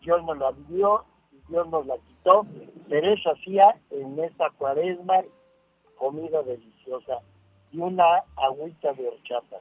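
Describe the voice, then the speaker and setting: A man's voice: fairly high pitch, moderate pace, breathy edge, dry recording, soft background music. A middle-aged man, calling in to a radio show over a phone line and joking with playful wordplay. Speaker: caller. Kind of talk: call-in chat on radio. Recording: tinny dry phone line.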